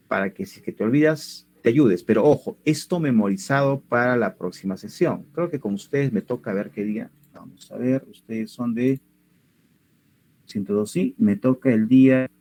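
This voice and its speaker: A man's voice: medium pitch, expressive, moderate pace, a little mellow, no room sound. A male teacher giving an online language lesson over a computer mic, going step by step and checking that students follow. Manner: patient, step by step, keeps checking understanding.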